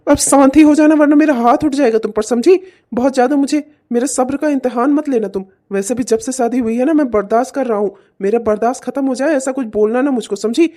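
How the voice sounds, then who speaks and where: A woman's voice: on the high side, fast, few pauses, warm tone, natural voice. Woman voicing a hot-tempered cartoon husband. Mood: angry. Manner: angry, threatening. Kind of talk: cartoon voice acting.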